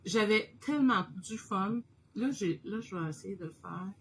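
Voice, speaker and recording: Québécois woman host, mid-pitched, bubbly and chatty, laughs a lot; live-stream painting chat, slight background hiss. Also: moderate pace, rough recording. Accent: Québécois French. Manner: excitable, chatty, laughs often.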